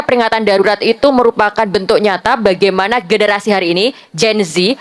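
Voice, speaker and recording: A young woman speaking as a panelist at a public forum, making her case in a measured, argumentative way and building her points one by one. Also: a little high, fairly bright tone. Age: young adult. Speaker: panelist, civic activist.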